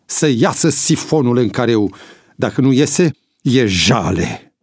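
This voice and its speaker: A man's voice: mid-range voice, sing-song, husky, no echo, studio quality. Man doing an angry bullish block chief. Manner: angry, commanding.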